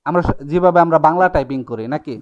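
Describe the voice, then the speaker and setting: A man teaching an Italian class in Bengali, speaking slowly and checking again and again that his students follow. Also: a little high, highs cut off. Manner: explains slowly with many checks like "ঠিক আছে?" and "নাকি?". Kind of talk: live online class taught in Bengali.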